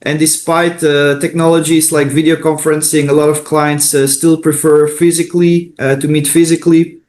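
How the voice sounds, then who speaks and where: A middle-aged man who grew up in Belgium, answering interview questions on a video call. His voice sits fairly high for a man, and he hesitates often, repeating words and filling pauses with "uh" and "um" as he thinks aloud. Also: level tone, darkish tone. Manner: hesitant, many fillers and restarts. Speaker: interview guest, consultant.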